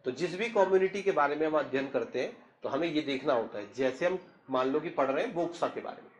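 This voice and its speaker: Teacher, male, young adult, slightly higher pitch, explains step by step and quizzes the class. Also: lively intonation, fast talker. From Tehri district, Uttarakhand, India. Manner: explanatory, asks the class questions and answers them himself. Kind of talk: classroom lecture.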